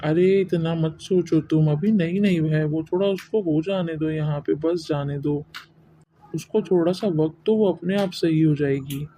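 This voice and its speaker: A calm middle-aged father-in-law from an animated family story. His voice is mellow and he talks in a soothing, reasoning way. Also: a little high, unhurried. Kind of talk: cartoon story voice acting.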